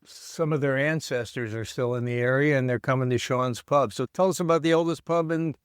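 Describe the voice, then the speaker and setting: A man with a mid-pitched voice hosts a travel interview. He speaks like a presenter, framing each question before he hands it over, in a dry, close sound. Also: brisk, clean tone, no echo. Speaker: interviewer and host.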